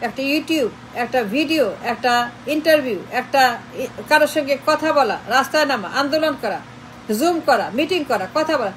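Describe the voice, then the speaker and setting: A woman's voice: high-pitched, moderate pace, slight background noise, rough recording. A woman delivering an impassioned political monologue, firing repeated rhetorical questions and switching between Bengali and English. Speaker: political commentator.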